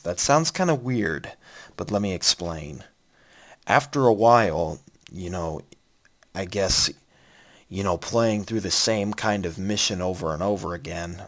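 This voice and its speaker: A man giving an unscripted video game review from his computer. He rambles, restarts often and yawns now and then. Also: low-pitched. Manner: rambling, many ums and restarts; yawning, sleepy. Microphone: computer mic.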